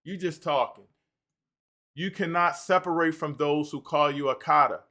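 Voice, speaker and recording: A man hosting a livestream, reading out and answering chat comments in an animated way. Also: fairly high pitch, moderate pace. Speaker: livestream host.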